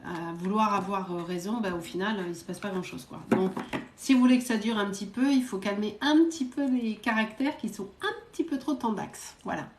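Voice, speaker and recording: A woman psychic medium giving quick readings to viewers during a live stream, direct and coaxing, often adding little verbal tags. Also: medium pitch, roomy sound, slight background noise. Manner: brisk, direct, coaxing, peppered with "hein" and "euh".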